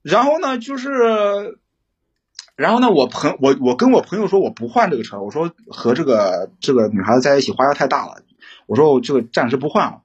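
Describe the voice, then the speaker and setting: A young man calling in to an advice show, his voice husky and pitched a little high. He rambles and restarts, swinging his tone up and down a lot as he tells his story. The sound is muffled and lo-fi. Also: sing-song. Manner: rambling, halting, many restarts. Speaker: caller seeking relationship advice. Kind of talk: casual phone-in storytelling.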